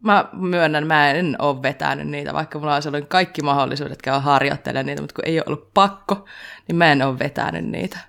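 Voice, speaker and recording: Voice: medium pitch, creaky, a bit bright. A podcast host in casual chat who rambles, mocks themself and laughs often. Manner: rambling, chatty, self-mocking, laughs often.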